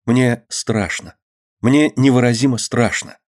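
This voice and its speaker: A man reading a story aloud and voicing a gentle young woman who is devoted and pleading. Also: medium pitch, steady tone, measured pace, close to an everyday voice.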